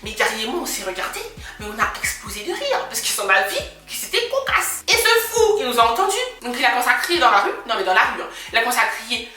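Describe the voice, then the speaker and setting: Fast, bright-voiced woman telling a story. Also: fairly high pitch. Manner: animated, dramatic, laughing retelling. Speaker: vlogger. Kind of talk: storytime vlog. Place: home. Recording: echoey room from far off, faint music.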